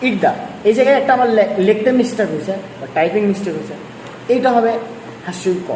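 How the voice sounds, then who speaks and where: An animated man with a high-pitched, darkish voice talks fast through an online language lesson. He explains patiently, circling back to key points and coaxing his students to practice, in an echoey room with faint noise.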